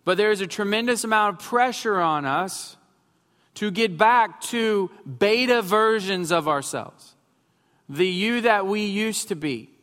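A man's voice: high voice, unhurried, fairly bright tone. A pastor in his thirties preaching a sermon, mixing self-mocking humor with emphatic points. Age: 30s. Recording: long hall reverb with faint music.

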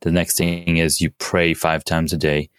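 A man's voice: low-pitched, flat delivery, measured pace, a bit bright, clean tone, no echo, clean studio sound. A man from Pakistan, a podcast guest, talking casually with many fillers and restarts. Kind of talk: casual interview talk.

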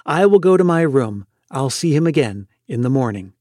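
A proud gray-haired father over sixty, stern and restrained, muttering his words, as a male reader voices him. His voice sits lower than the narration and sounds dry. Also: expressive, normal speed, a little mellow, no echo, lightly acted. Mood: gruff.

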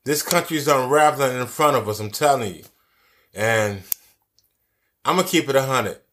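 A man's voice: mid-range voice, lively intonation, moderate pace, a bit bright, slight background noise. A man giving angry social commentary, cursing a lot and repeating his key phrases for emphasis. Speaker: commentary vlogger.

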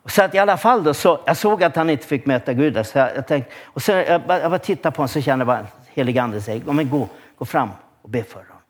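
A male pastor giving a church sermon, telling stories with lots of restarts and bursts of excitement. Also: a little high, few pauses. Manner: lively storytelling with frequent restarts and rising excitement.

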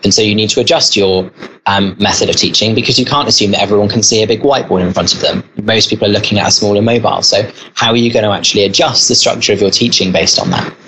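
A man's voice: fairly low pitch, steady tone, quick pace, bright, forceful tone, slight background noise, poor audio. A man who leads a school answers interview questions, talking earnestly and at length. He explains things in full, with the odd "um" and restart as he goes. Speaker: school leader.

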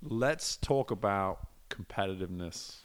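A man with a very low voice hosts a podcast interview. He asks his questions in a measured, reflective way, building each one up slowly. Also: lively intonation, clean tone. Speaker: podcast host.

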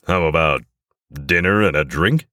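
A man voicing a debonair, smooth-talking hero who is vain and dramatic. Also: extremely low pitch, unhurried, bright, forceful tone, no room sound, clean studio sound, heavily acted.

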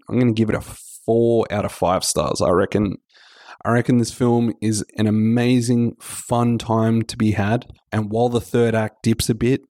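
A man's voice: lowish voice, darkish tone, no echo, clean studio sound. A man with a sick voice, hosting a podcast and chatting casually through a film review. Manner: chatty, loose, self-correcting.

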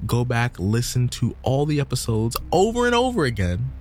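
With faint music behind him, a man co-hosts a podcast in a darkish, mid-range voice that swings widely in pitch at a normal pace. His chat is loose and meandering, peppered with "um" and "you know," ending in a cheerful promo sign-off aimed at listeners.

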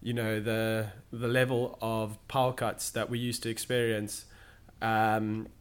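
A young man answers an interviewer's questions. He speaks in a steady, explanatory way and pauses now and then to find his words. He is recorded in an office. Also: on the low side, clear, resonant tone. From Zimbabwe. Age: young adult. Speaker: guest, solar sales manager. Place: office in London.

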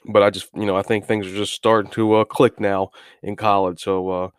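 A man hosting an informal solo sports betting recap, speaking haltingly with many filler words and often repeating words as he restarts phrases. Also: on the low side, level tone, smooth, dry recording, studio quality. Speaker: sports betting podcast host.

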